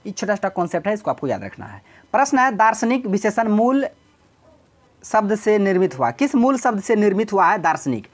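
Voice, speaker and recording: A woman's voice: medium pitch, very animated, a little fast. A woman teaching an exam-prep grammar lesson, explaining step by step and repeating key words.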